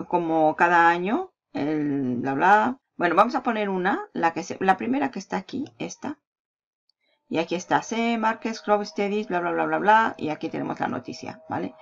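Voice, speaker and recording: Gravelly woman giving a casual tutorial. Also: mid-range voice, lively intonation, moderate pace. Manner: casual, walks through search results, trails off with "bla, bla". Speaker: online marketing tutor. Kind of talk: screen-recorded tutorial. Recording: dull lo-fi audio.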